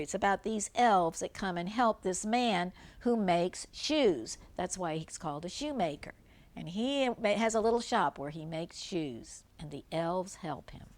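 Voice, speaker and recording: An older woman with a fairly low voice reads a children's storybook aloud the way a grandmother would. She adds simple, chatty explanations for a young listener.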